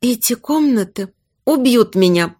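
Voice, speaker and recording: A woman's voice: a little high, lively intonation, normal speed, natural voice. A woman voicing a frightened young woman who whispers in a trembling voice.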